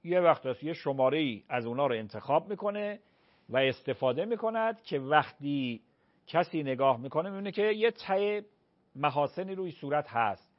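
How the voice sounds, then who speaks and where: A man who is a cleric answering callers' religious questions on a call-in show, speaking slowly and deliberately and repeating phrases to teach them. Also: fairly high pitch, lively intonation, dull audio.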